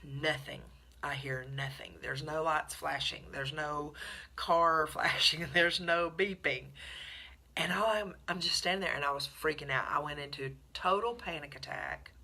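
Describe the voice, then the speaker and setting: A middle-aged woman, telling a story in a chatty, animated vlog to her viewers. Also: low-pitched, a little slow. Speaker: vlogger. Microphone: phone camera.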